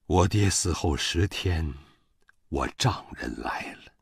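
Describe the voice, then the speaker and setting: Male audiobook narrator, low, husky, dry close studio sound. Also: no room sound. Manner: slow, expressive, wide-ranging storytelling. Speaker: audiobook reader. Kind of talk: first-person novel narration.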